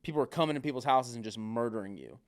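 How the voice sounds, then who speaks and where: A man's voice: mid-range voice, animated, racing. A man chatting casually on a podcast, rambling with lots of filler words and swearing, and acting out other people's remarks.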